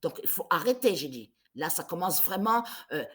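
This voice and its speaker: A woman's voice: fairly low pitch, sing-song, normal speed, a bit bright. A woman in her fifties delivering an angry, agitated monologue, repeating herself and stumbling through restarts. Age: 50s. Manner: agitated, repetitive, stammering restarts. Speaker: vlogger.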